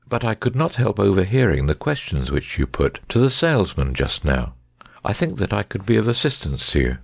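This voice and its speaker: Guy reading as a cool gentleman detective, really low voice, lively intonation, polite and in command, storybook. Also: moderate pace, dry recording, clean studio sound, full character voice. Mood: bland, assured. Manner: bland, courteous, precise. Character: suave, assured gentleman detective, coolly in command.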